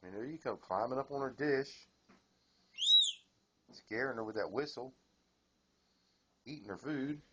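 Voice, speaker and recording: A man's voice: medium pitch, measured pace, long pauses, dull audio, slight background noise. A man filming his pets at home, chatting casually and cooing to them in baby-talk. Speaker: pet owner filming at home. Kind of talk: casual home video commentary. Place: home room.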